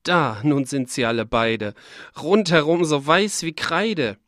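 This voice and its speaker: A man giving a theatrical recitation of a rhyming verse tale, punching out sound words with sudden loud bursts. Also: on the high side, slow, no echo, clean studio sound. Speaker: narrator.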